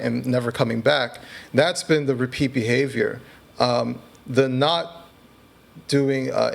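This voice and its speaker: Gravelly man making a measured case. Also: medium pitch. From United States. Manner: earnest, measured argument, often checking in with "right?". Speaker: podcast guest. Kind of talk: conversational interview.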